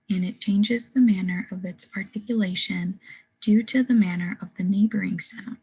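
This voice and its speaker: A woman's voice: mid-range voice, warm tone, poor audio. A young woman giving a class presentation on phonetics, earnest and full of "um" fillers. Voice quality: very husky. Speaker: student presenter.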